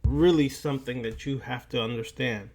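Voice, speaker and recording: With a mid-range voice and a darkish tone, a male occult lecturer gives an esoteric sermon-like talk. His phrasing is deliberate and halting, long pauses separate his thoughts, and he repeats key lines for emphasis.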